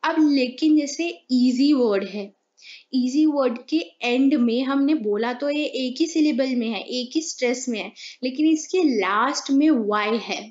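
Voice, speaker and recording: A woman's voice: sits high, unhurried, darkish tone, highs cut off. A woman teaching a grammar lesson, explaining step by step and asking and answering her own questions.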